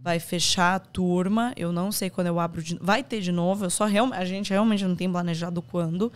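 A woman's voice: lowish voice, fairly quick. A woman with a Brazilian accent, speaking as a podcast guest about her courses and acting out the advice she quotes. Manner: animated, acts out quoted advice. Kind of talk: conversational interview.

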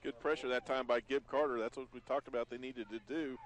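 A man giving folksy color commentary on a high school football broadcast, explaining what went right on each play. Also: steady tone, fast, poor audio.

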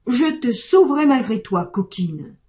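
A kindly old goat farmer, put on by a woman reading a storybook tale frets and exclaims in a raised, worried voice. He pleads slowly with his stubborn goat, his tone mellow and soft-edged. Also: on the high side, expressive. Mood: alarmed.

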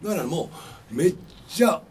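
Man, Osaka accent, band member, lively pitch, playful banter. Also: moderate pace, crowd noise. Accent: Osaka Kansai. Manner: joking, emphatic, playful banter. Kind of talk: casual interview chat.

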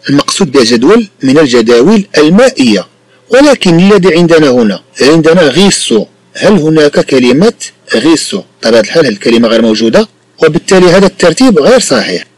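Male teacher, patient and repetitive, lively pitch, higher voice. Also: no echo, poor audio. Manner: slow, repeats each sentence in two languages. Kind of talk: bilingual classroom lesson.

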